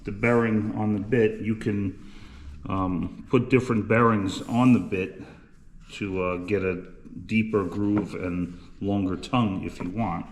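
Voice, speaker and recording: A man's voice: lowish voice, fairly even intonation, measured pace. A man demonstrating woodworking in a plainspoken, practical way, like a shop class teacher. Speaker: woodworker demonstrating cabinet making. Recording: echoey workshop, clear background noise.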